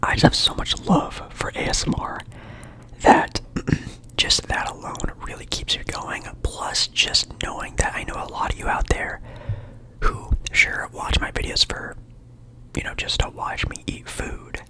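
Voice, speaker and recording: A young man from Portland whispering a relaxed, rambling ASMR chat in his apartment. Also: measured pace, rough recording. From Portland, Oregon, USA. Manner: soft rambling whisper, friendly and chatty. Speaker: ASMR creator.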